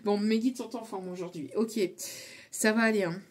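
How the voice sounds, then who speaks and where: A woman's voice: medium pitch, steady tone, normal speed, slight background noise. A woman giving a tarot reading to her viewers, hesitant with many fillers, passing on what her guides tell her and chuckling between playful asides. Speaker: tarot card reader. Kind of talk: spoken tarot reading to camera.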